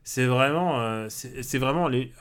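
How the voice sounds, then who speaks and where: A man's voice: mid-range voice, a little slow, fairly bright tone, clear, resonant tone. A man co-hosting a film podcast in casual chat, hesitant with many fillers and bluntly scornful. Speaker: podcast co-host.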